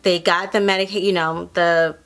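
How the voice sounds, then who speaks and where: A woman's voice: fairly low pitch, little pitch movement, moderate pace, fairly bright tone, clean tone. A woman in her thirties earnestly telling her own birth story in a casual vlog, acting out the voices of people she quotes.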